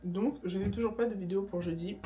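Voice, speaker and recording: A young woman chatting casually to camera in her vlog, slangy and relaxed, sometimes talking with her mouth full. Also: mid-range voice, fast talker. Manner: chatty, slangy, talks while eating. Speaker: vlogger. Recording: echoey room, voice a bit distant.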